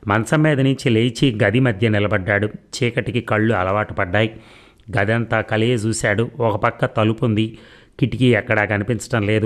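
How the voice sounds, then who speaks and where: A man narrating a detective serial story, reading steadily with quiet suspense. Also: fairly low pitch.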